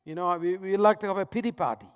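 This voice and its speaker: A man with a high-pitched voice preaching a sermon in a big echoing church hall. He pushes some lines out loudly, then drops others to a near-whisper. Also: steady tone, fast talker, clean tone, highs cut off. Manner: dramatic swings between loud emphasis and hushed, soft lines. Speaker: pastor.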